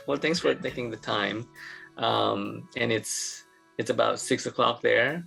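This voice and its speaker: A man's voice: mid-range voice, slow pace, gravelly, pushed and bright, husky, faint music behind, poor audio. A man hosting a casual interview, friendly, laughing often and repeating himself as he talks. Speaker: interview host.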